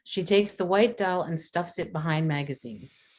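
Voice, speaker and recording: In a lowish, darkish voice at normal speed, a woman gives matter-of-fact scripted narration, reading screenplay stage directions during a table read.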